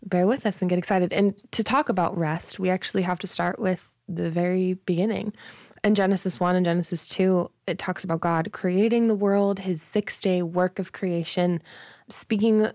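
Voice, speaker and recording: A woman with a slightly low, sleepy morning voice co-hosts a faith podcast, explaining and teaching in an earnest, unhurried way. The sound is dry and close, with no room around her. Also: steady tone, a little mellow, no echo. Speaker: podcast co-host. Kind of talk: casual faith podcast chat.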